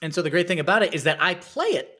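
Animated rambling man, lively pitch. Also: very fast, husky. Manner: animated, rambling, acts out other players. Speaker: podcast co-host. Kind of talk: casual chat.

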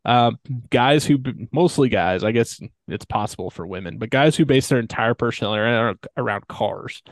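A young man in casual podcast chat, ranting with sarcastic mock quotes. His mid-pitched voice is recorded close and dry, with no room sound. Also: normal speed, no room sound. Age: young adult. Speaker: podcast co-host.

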